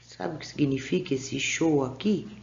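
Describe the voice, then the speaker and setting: A Brazilian woman teaches young children in a recorded lesson, walking them patiently through each task. Her voice is slow and carries a gravelly edge. The sound is muffled and lo-fi. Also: sits low, darkish tone. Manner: patient, clear, step-by-step instructions to children. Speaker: primary school teacher. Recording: dull lo-fi recording.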